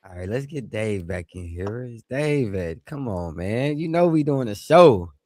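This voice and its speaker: A man's voice: on the low side, animated, normal speed, darkish tone, no echo. Easygoing man running a podcast. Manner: easygoing, informal, runs the agenda. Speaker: podcast host. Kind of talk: casual chat.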